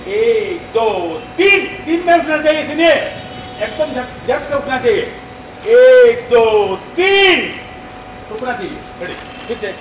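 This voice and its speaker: A male dance guru who speaks thoughtfully about teaching, then counts beats and calls out commands to his students. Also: high-pitched. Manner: reflective and measured when speaking about teaching. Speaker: dance guru leading a workshop. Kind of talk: interview talk mixed with live dance instruction. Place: theatre stage in a cultural centre. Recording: echoey hall with background noise.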